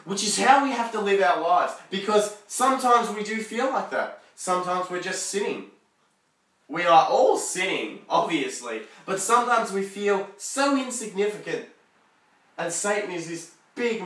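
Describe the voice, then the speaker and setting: An earnest young man speaks in a slightly higher, bright and pressing voice, repeating his main points. He is recorded indoors in a very echoey room, well away from the mic. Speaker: youth speaker. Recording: roomy echo, far from mic.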